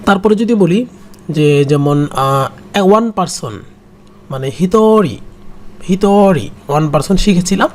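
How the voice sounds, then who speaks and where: A patient language teacher works through a beginner kanji lesson at an unhurried, slow pace. Each new word is repeated several times for the learner. A faint background noise runs under the voice. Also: mid-range voice, lively intonation, a little mellow.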